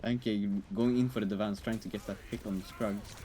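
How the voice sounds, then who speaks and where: A man's voice: on the low side, fairly even intonation, fairly quick, dark tone. Male esports caster, faint noise behind. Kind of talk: play-by-play commentary.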